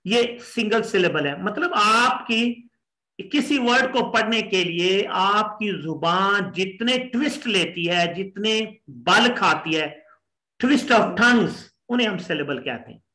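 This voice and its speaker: This middle-aged English teacher has a Pakistani accent and a high, sharp-toned voice. He runs a pronunciation lesson, patiently repeating words to drill them, in an echoey room.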